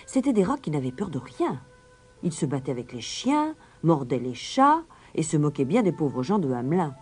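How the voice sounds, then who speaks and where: A woman's voice: deep voice, big pitch swings, normal speed, breathy edge, faint music behind. A woman narrating a storybook tale expressively, dropping to a whisper for suspense.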